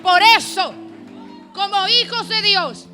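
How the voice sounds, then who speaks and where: A woman pastor, preaching a Pentecostal sermon that swings from hushed, close talk to shouted, chanting crescendos. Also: extremely high pitch, lively intonation, slow pace, a crowd in the background. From Dominican Republic. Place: church congress. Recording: music playing behind.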